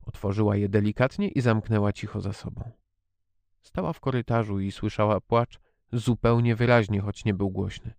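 Measured male storybook narrator. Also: fairly low pitch, creaky, a little mellow, no echo. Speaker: audiobook narrator. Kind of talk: scripted narration.

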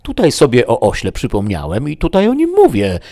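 A man's voice: mid-range voice, wildly swooping pitch, a little fast, mellow, pitched above the performer's own voice. A man reading aloud, voicing a simple, stubborn peasant squire who talks in an earnest, pleading way.

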